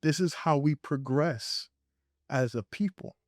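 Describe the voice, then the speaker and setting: In clean studio sound with no room ambience, a young Puerto Rican man raised in Connecticut talks earnestly as a visiting filmmaker in a casual interview. His voice sits on the high side at a measured pace, reflective in tone, and he frequently starts his sentences over.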